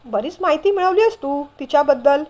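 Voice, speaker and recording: A woman's voice: high voice, animated, fairly quick, darkish tone. Brief: a woman reading a bashful groom-to-be, curious and questioning.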